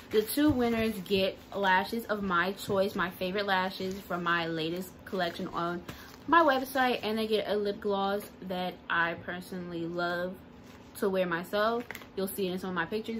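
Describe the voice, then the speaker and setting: A woman's voice: medium pitch, fairly bright tone, a little hiss or hum. Chatty young woman vlogging by phone. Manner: chatty, playful, slangy. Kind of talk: casual vlog chat. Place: car, store, then bedroom at home. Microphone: phone camera held close.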